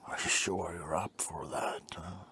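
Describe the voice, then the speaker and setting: A man playing a salty old fisherman in a soft-spoken ASMR roleplay, telling sea tales to kids in a breathy, rambling half-whisper with folksy gruffness. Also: low-pitched, steady tone, unhurried, background noise. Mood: folksy, teasing.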